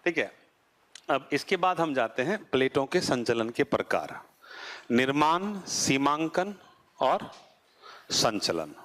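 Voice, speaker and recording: A man's voice: mid-range voice, very animated, slow, long pauses, a bit bright. Guy teaching a geography class, keeps asking questions and answering them, voice drops at the end of points.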